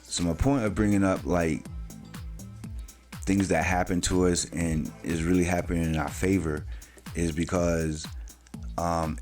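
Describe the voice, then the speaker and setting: A deep-voiced man in his forties, late forties by the sound of it, with a darkish tone, hosts his own vlog. He talks loosely and in slang, drops plenty of "you know" fillers, and swears casually and freely.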